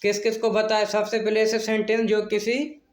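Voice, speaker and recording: A man's voice: high-pitched, monotone, normal speed. A man teaching English grammar in a self-made video lesson, mixing Hindi-Urdu talk with English terms and asking and answering his own questions.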